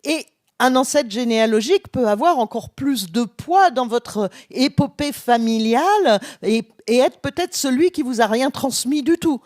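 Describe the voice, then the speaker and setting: High-voiced French scientist woman, hesitant. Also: expressive, normal speed, darkish tone, dry recording, studio quality. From France. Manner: hesitant, many fillers and restarts; enthusiastic. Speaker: genetic anthropology professor. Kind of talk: explanatory conference conversation. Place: conference stage.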